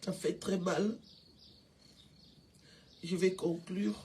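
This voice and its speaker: Tearful older woman, halting. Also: fairly low pitch, steady tone, mellow, slight background noise. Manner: halting, repetitive, stammering. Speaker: livestreamer paying tribute. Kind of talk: tearful live video tribute.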